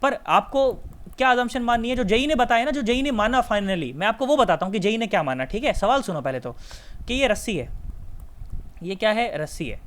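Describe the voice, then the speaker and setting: जोश से पढ़ाता ऊँची आवाज़ वाला आदमी. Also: male voice, high voice, animated, a little fast, a bit bright. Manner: repetitive, emphatic, addresses students familiarly. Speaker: physics teacher. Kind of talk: lecture to students.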